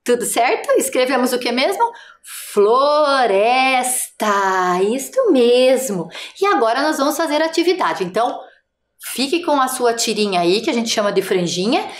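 A woman teacher with a Brazilian Portuguese accent leads a first-grade class on television, prompting young children slowly and patiently. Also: high voice, sing-song, echoey room. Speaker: primary school teacher.

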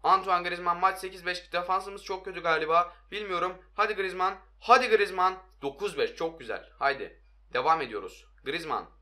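A young man giving excitable, hoarse-voiced commentary on his own mobile football game, talking to his viewers and shouting at his players. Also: high-pitched, brisk. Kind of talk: live gameplay commentary.

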